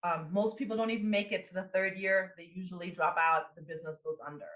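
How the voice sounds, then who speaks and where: As an interview guest, a business coach and marketing executive in her forties, an immigrant, talks casually and quickly, wandering through fillers and restarted phrases. Her lowish, steady voice is bright and forward, captured with noticeable room echo.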